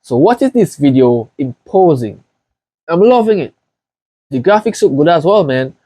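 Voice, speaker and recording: A man from Jamaica with a Jamaican accent, hosting a casual reaction video and gushing with excited praise as he talks to his viewers. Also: a little high, normal speed, dry recording.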